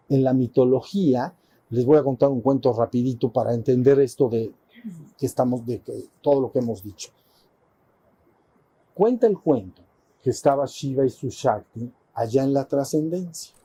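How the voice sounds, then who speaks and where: A man's voice: mid-range voice, mellow, husky. A man, a spiritual teacher telling a playful, colloquial story to a retreat group.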